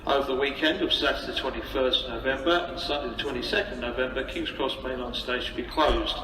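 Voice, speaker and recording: A man's voice: medium pitch, fast talker. A man giving a formal, wordy public announcement to customers, in the manner of an airport or railway station announcer. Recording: echoey station tannoy, distant, noisy concourse.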